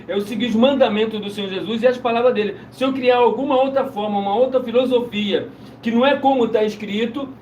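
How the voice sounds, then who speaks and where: A man preaching in a loose, insistent live-stream chat, repeating himself as he goes. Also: very high voice. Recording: roomy, distant mic, faint noise.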